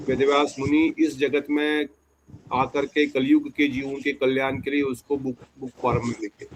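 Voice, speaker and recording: A man, a spiritual teacher, explaining scripture in a measured, casual way. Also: medium pitch, level tone, rough recording. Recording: faint background noise.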